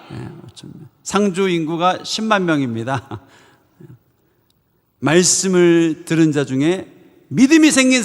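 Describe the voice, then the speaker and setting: Lively preaching pastor in a reverberant church. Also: male voice, a little high. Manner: lively preaching, acting out quoted voices. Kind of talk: sermon. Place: church sanctuary. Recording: long hall reverb.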